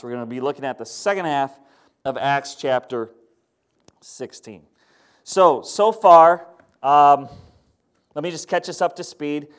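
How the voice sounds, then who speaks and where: A man preaching as pastor, his voice sitting high for a man. He tells stories in an animated way, acting out what each person said. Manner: storytelling with acted-out quotes, animated. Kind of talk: sermon.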